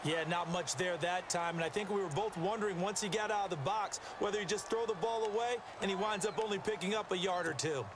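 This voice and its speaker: A man's voice: sits high, fast, hardly any pauses, close to an everyday voice. A man playing a conversational, opinionated color analyst in an American football video game. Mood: assured. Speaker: color commentator. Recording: very noisy game capture.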